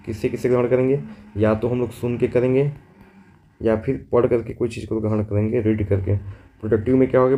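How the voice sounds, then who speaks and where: A man teaching an exam prep lesson, reading questions out slowly in English and explaining them in quick Hindi. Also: mid-range voice, warm tone, slight background noise.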